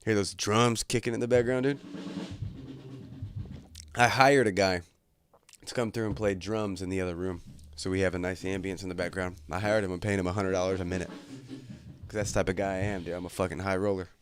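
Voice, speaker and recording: There's a little hiss or hum as a young man with a deep, steady voice hosts a casual bedroom livestream, speaking fairly quickly but pausing often. He jokes crudely in a relaxed way, slightly stuffed up from a cold.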